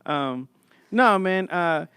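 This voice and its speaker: A man's voice: high-pitched, expressive, drawn-out words, pushed and bright, clear, resonant tone, no echo. A man hosting a podcast in a casual, informal chat, talking like he's among his bros. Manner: informal, says man and bro often. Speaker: podcast host.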